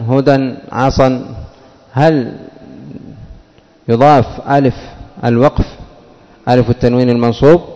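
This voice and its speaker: A man with a dark, mellow voice teaches a grammar lesson. He poses questions and answers them himself, and he draws out the example words slowly. His voice rings with a long reverb. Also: medium pitch. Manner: slows and stresses example words. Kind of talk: classroom lesson.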